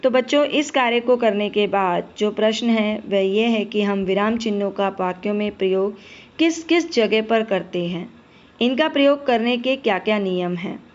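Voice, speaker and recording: A woman with a medium-pitched, animated voice speaks at normal speed while explaining a primary school Hindi lesson. She patiently addresses the children and answers her own questions. The recording's highs are cut off.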